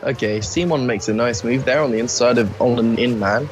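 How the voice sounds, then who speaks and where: A man's voice: medium pitch, a little fast. A man co-commentating a sim race, laid-back, teasing and sweary. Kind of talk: casual sim-racing commentary. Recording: music playing behind.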